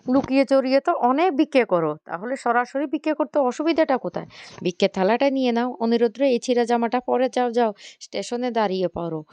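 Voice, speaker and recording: A woman voicing an angry, bullying older father who scolds and shouts with contempt. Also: mid-range voice, brisk, no echo, natural voice. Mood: angry scolding.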